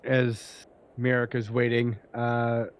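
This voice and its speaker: A man running a tabletop game as game master, improvising narration in a halting, conversational way. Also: medium pitch, monotone, smooth.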